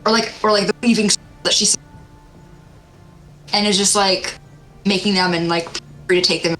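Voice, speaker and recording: A woman's voice: mid-range voice, steady tone, moderate pace, a bit bright, faint music behind, rough recording. A woman player chatting casually during a tabletop game, rambling with lots of fillers.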